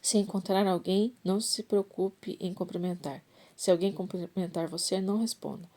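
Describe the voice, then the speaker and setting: A woman's voice: mid-range voice, fairly even intonation, moderate pace, warm tone, natural voice. A woman voicing an elderly male prophet in a read-aloud Bible story, with small restarts and self-corrections. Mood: calm instruction.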